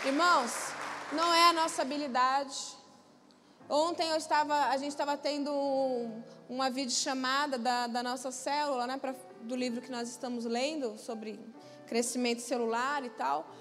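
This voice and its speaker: A woman pastor preaches with a high voice. She speaks emphatically and calls out to the congregation for replies. Her voice rings with the long reverb of a church hall. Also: steady tone, moderate pace, a bit bright, soft background music. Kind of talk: sermon.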